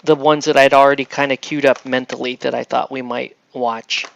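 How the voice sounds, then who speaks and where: A man chats casually on a livestream while painting miniatures, rambling and excitable, often breaking off mid-sentence and interrupting himself with laughs. His voice is medium-pitched with vocal fry, at normal speed, and the sound is lo-fi.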